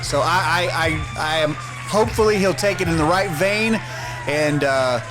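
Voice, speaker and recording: A man doing excited, dramatic wrestling commentary as the lead announcer, emphatic and fond of rhetorical questions. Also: a little high, a little slow, music in the background, a crowd in the background, low-quality recording.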